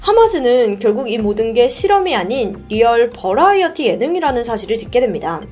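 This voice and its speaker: Chatty woman host narrating a story, voice swings up and down a lot, soft music behind. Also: a little high, brisk. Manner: chatty, animated, asks the listener questions.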